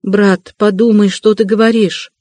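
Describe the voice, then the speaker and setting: A reader voicing a proud young woman, quick to flare up yet gentle with her brother. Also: mid-range voice, fairly even intonation, no echo, natural voice. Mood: earnest. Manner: hushed then indignant.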